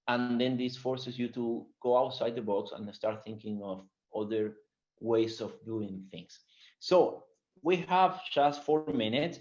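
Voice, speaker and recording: A man with a strong Spanish accent presents a webinar as its guest speaker. He talks in an animated way, with many fillers and restarts, at a middling pitch. The sound is dull and lo-fi, like an online call.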